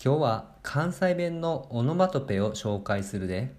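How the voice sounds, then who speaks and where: Slow-talking Kansai man teaching. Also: medium pitch, animated, darkish tone. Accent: Kansai Japanese. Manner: slow, deliberate explanations, repeats in careful English. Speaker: podcast host and language teacher. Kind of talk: bilingual language lesson.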